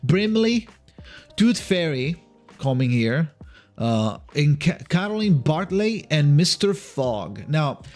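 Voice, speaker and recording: A man's voice: fairly high pitch, sing-song, takes it slowly, darkish tone. Rambling casual man over faint music. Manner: hesitant, rambling, repeats words, swears casually. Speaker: video creator giving game news. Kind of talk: casual speculative commentary.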